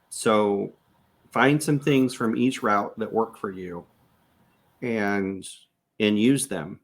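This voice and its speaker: A man co-hosting a live-streamed data podcast, speaking in a relaxed, halting way as he recaps. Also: lowish voice. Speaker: podcast co-host, database administrator. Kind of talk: casual live-stream chat.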